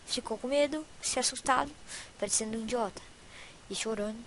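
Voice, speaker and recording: A woman's voice: on the high side, fairly quick, fairly bright tone, a little hiss or hum. A woman hosting Minecraft gameplay commentary, prone to panicky shrieking and dramatic exclamations. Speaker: gaming channel host.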